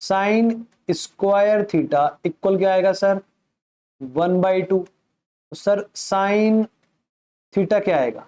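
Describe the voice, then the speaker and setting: This maths teacher speaks extremely slowly, leaving long pauses, in a warm voice that sits high. He is patient and polite with his listeners, asking questions aloud, supplying the answers himself, and repeating the main points of the lesson.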